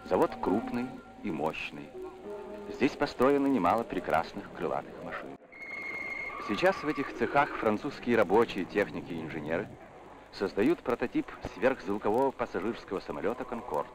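A man's voice: fairly low pitch, sing-song, normal speed, low-quality recording. A man narrating a 1960s newsreel with a formal, declamatory announcer delivery, old newsreel sound. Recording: narration over loud music.

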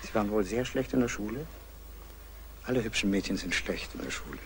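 An actor playing a charming male painter who courts a young woman, with a soft, persuasive manner, in old German film acting. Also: fairly low pitch, fairly quick, creaky, noisy background.

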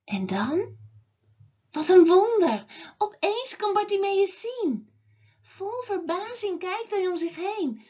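A woman teaching a children's Bible class, telling a story to children in an expressive way. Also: very high voice, lo-fi sound. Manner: slow, expressive, lively telling.

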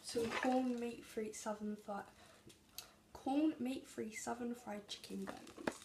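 Young woman vlogger, chatty label-reading haul talk, slight gravel, echoey kitchen with noise behind. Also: a little high, fairly even intonation, slow. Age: young adult. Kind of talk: casual grocery haul vlog. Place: small home kitchen, indoors. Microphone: camera at arm's length.

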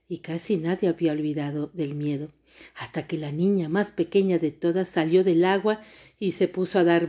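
A woman storyteller reading a folk tale aloud with expressive, dramatic narration. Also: fairly low pitch.

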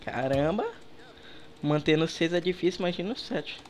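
A young man with a Brazilian accent giving relaxed, slangy commentary while playing a game, chatting with viewers through a headset mic. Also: fairly high pitch, normal speed, a little hiss or hum. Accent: Brazilian Portuguese. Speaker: gaming youtuber. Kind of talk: casual gameplay commentary. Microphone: headset microphone.

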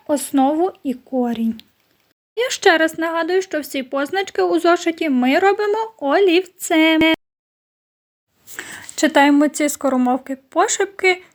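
High-voiced woman teaching young children. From Ukraine. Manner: slow, clear classroom instructions with questions to pupils. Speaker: primary school teacher. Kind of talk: recorded online lesson for children.

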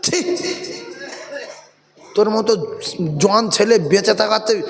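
A man delivers a sermon in a high, lively voice. He tells comic stories and urges his listeners to answer him louder. The sound carries a long reverb, as in a large venue. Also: moderate pace. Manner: animated, calls on the crowd to repeat loudly. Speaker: Islamic preacher. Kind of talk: Bengali waz sermon.

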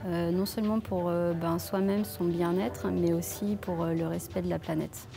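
A woman in her thirties from France, a head chef, answers interview questions with many fillers and restarts. Her fairly low voice is creaky, with fairly even intonation and a moderate pace. She is filmed in a leafy outdoor courtyard on a lapel mic, with soft background music.

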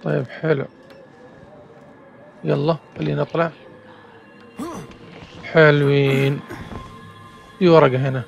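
A young man talks his way through a horror game in a slightly high, gravelly voice. He mutters nervous remarks and little gasps as he goes, with faint game music underneath. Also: flat delivery, takes it slowly, pauses often, dull audio. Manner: talks himself through each step with nervous exclamations. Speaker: gamer. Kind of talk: horror game let's play commentary.

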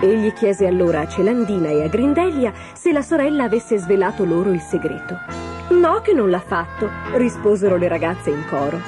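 A woman narrating a children's fairy tale in an expressive, lively storytelling manner. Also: mid-range voice, fairly quick, hardly any pauses. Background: background music.

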